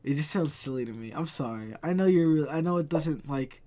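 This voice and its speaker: Ranting twenty-something male host, slightly high voice, loud, swears a lot. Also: lively intonation, a little fast. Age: 20s. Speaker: podcast host. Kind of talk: casual chat.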